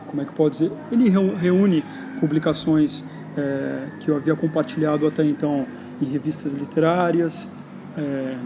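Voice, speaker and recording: Sitting for a casual interview in a park, this São Paulo-born poet and writer speaks with his city's Brazilian Portuguese accent. His voice is a little high, and he pauses and hesitates often, musing reflectively amid background noise.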